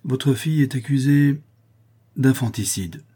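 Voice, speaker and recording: A man's voice: medium pitch, a little slow, dark tone, slightly rough, pitched above the performer's own voice. Man voicing a grave police commissioner. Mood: solemn.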